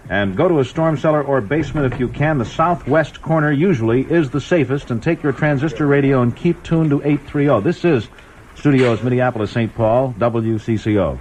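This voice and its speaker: Quick American male announcer, live storm warnings on a faintly noisy 1960s AM broadcast. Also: mid-range voice, a little mellow. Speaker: radio announcer and co-host. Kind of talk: live emergency storm coverage.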